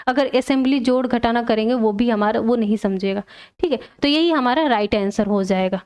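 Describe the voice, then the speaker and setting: A woman's voice: a little high, normal speed, darkish tone, clean tone. A woman teacher explaining exam questions step by step, checking in often with her class.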